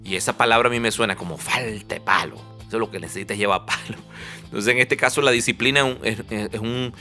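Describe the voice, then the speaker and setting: Male vlogger, bright edgy voice, chatty comic delivery over soft music. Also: mid-range voice. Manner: joking, conversational, with frequent fillers and asides. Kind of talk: humorous casual monologue.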